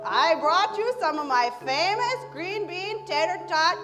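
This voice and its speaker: A woman's voice: extremely high pitch, expressive, unhurried. A woman playing chirpy Minnesotan Marge. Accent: Upper Midwest (Minnesota). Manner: chirpy, folksy. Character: cheery middle-aged Minnesotan woman bringing hot dish. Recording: loud music and crowd behind.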